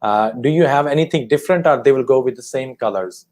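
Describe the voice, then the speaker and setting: Fast-talking man hosting an interview. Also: medium pitch, darkish tone. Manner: quick, brief acknowledgments and a direct follow-up question. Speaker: host. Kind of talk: interview questions.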